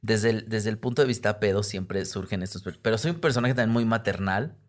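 Mexican male comedian guest, lower-pitched voice, chatty, acts out quotes, restarts often. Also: brisk. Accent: Mexican Spanish. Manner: animated storyteller who acts out quoted voices; frequent tag questions and self-interrupting restarts. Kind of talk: casual conversational interview.

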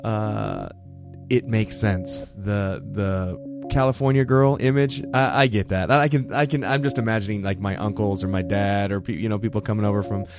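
Low-voiced male podcast co-host, agreeable. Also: fairly even intonation, music in the background. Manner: agreeable, quick backchannels. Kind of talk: casual podcast chat.

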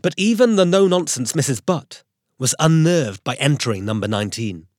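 A man's voice: fairly high pitch, expressive, moderate pace, a little mellow, no echo, studio quality. A man narrating a documentary from a script, with a dramatic, suspenseful delivery.

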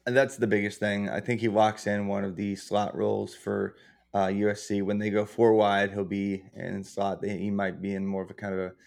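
A man's voice: on the low side, vocal fry. A man co-hosting a podcast, thinking aloud about football with many fillers. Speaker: podcast co-host. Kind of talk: casual sports chat.

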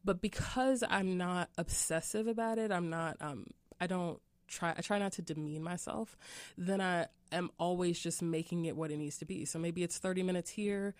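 Woman, yoga teacher and author, open and emotional, slightly low voice, close dry mic. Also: darkish tone, no echo. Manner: candid, emotional, laughs while talking. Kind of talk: conversational interview.

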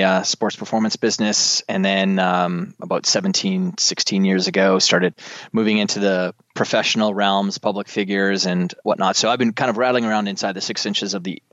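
Low-voiced man guest on a dull line. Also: fairly bright tone, no room sound. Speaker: performance coach and author. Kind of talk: podcast interview guest.

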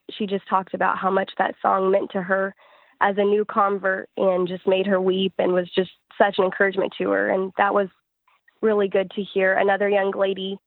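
In a conversational interview, a singer-songwriter answers questions with vocal fry, her pitch barely shifting from phrase to phrase. The sound is dry, narrow, and phone-like, with no echo.

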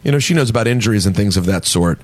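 A man's voice: lowish voice, lively intonation, very fast. A man hosting a sports radio show, bantering in a playful, teasing way. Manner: playful, teasing, leads the talk.

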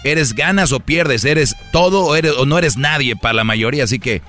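A man's voice: medium pitch, expressive, normal speed, sharp tone, soft background music. A man co-hosting a radio show, opinionated and argumentative. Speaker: radio co-host. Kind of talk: comic radio banter.

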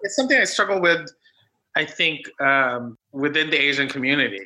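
Forties man, very bright tone, halting casual guest. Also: a little high, expressive, rough recording. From Philippines. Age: 40s. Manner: halting, many restarts and fillers. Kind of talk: casual conversation.

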